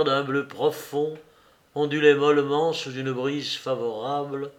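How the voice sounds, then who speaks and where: A man reading a classic novel aloud as an audiobook narrator in a measured, literary way. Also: medium pitch, a bit bright.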